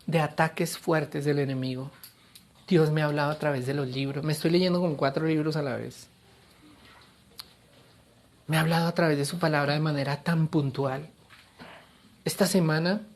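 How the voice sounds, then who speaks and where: A middle-aged male pastor delivers a sermon in a husky, slightly breathy voice. He preaches with an animated, playful manner, acting out other voices to draw in his listeners. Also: a little high.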